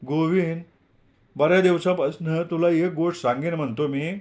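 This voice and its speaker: A man's voice: on the high side, steady tone, moderate pace, voice pushed up, close to an everyday voice. A man doing a shy nervous young student. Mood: hesitant, eager. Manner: raised, hushed, hesitant. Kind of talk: storytelling reading of a novel.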